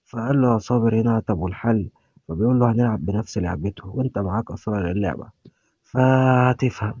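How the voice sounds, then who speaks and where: Egyptian guy recapping a show real quick, low mellow voice, dry dull lo-fi sound. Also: slightly rough, dry recording. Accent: Egyptian Arabic. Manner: retells scenes and reads characters' lines aloud. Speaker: series recap narrator. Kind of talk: casual plot recap.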